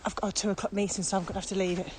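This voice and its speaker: A British-accented woman, podcast co-host and trainer, talks in a racing, mid-range voice with little pitch movement. She asks questions and acts out quotes in casual conversation while out walking. The noisy recording picks up ambient sound and crowd noise.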